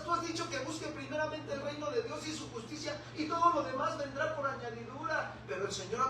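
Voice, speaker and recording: A man with a Mexican Spanish accent preaching a sermon as pastor, emphatic and full of rhetorical questions to the congregation. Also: very high voice. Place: church hall. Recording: echoey hall, distant mic, audible room noise.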